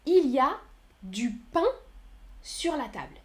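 A woman teaches a French lesson on a live stream, talking very slowly and clearly as she counts aloud and answers the chat. Her voice sits high and moves a great deal. Now and then she drops a word to a soft whisper. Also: very animated.

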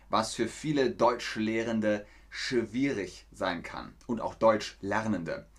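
A man teaching German on a livestream, explaining pronunciation and answering viewers' chat questions in a chatty, explanatory way. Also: mid-range voice. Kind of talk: livestream language lesson reading chat.

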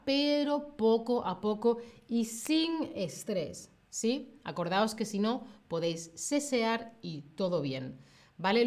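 A woman's voice: on the high side, a little mellow. A woman from Spain teaching Spanish pronunciation in a live online lesson, patient and encouraging, stretching out sounds to demonstrate them.

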